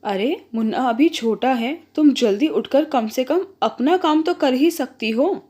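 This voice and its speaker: A woman's voice: sits high, lively intonation, a little slow, dark tone. A woman voicing a strict but caring middle-aged mother who scolds her daughter firmly. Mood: scolding. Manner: firm, scolding.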